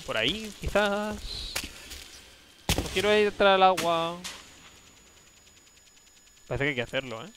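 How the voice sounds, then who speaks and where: A man's voice: high-pitched, lively intonation, takes it slowly, long pauses, noisy background. A man streaming a horror game live, thinking aloud, easily startled and yelping at scares. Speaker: livestreaming gamer.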